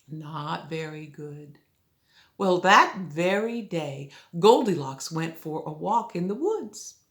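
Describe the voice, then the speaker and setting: An older woman with a sweet old lady manner tells a children's story as a grandmother, gently coaxing the listener with little questions. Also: low-pitched, expressive, slow. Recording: roomy, echoey home recording.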